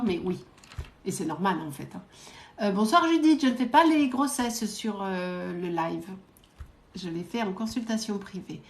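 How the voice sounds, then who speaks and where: A woman psychic medium giving quick readings to viewers during a live stream, direct and coaxing, often adding little verbal tags. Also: a little high, echoey room. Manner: brisk, direct, coaxing, peppered with "hein" and "euh".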